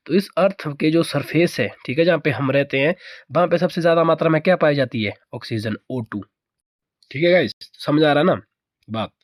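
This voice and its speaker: A man teaches an exam-prep chemistry lesson in a somewhat high voice. He keeps asking the viewer questions and answering them himself, repeating the key points. The sound is dry and close to the mic. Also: dry recording.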